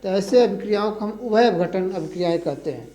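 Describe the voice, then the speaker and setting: A chemistry teacher explains a lesson slowly and repetitively, spelling out formulas letter by letter. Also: medium pitch, expressive, mellow, low-quality recording. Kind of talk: classroom-style lesson explanation.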